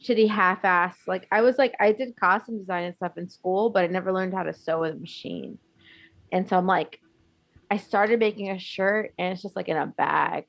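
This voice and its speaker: A woman's voice: medium pitch, fairly even intonation, moderate pace, gravelly, no echo. A woman co-hosting a podcast in casual chat, rambling and self-deprecating with plenty of swearing. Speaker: podcast co-host.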